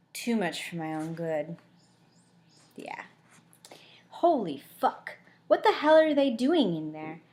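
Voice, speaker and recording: A woman reading a novel aloud in a chatty, casual way, stopping now and then for quick comments on the text. Her voice sits at an ordinary middle pitch for a woman. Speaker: audiobook reader.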